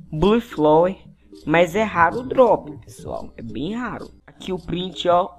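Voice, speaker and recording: A gaming YouTuber with a Brazilian Portuguese accent, giving an upbeat game tutorial and constantly addressing the viewers, with faint music behind. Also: medium pitch.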